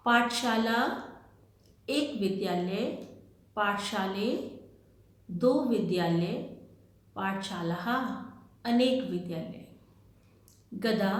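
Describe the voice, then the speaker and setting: A woman teacher giving a patient Sanskrit lesson to children, calling them "beta" and drilling each word slowly. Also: fairly high pitch. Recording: very echoey room.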